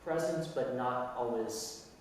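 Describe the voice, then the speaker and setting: A man's voice: mid-range voice, slow. A man from San Francisco, a musician being interviewed, talking reflectively and restarting his thoughts as he searches for words. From San Francisco, USA. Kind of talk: casual conversational interview. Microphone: video call. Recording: echoey room, far from mic, faint hiss.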